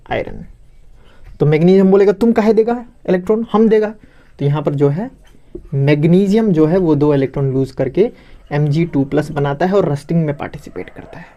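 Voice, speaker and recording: A man's voice: on the high side, warm tone. A male teacher explaining a science lesson for exam prep in a playful, teasing way, joking with his students.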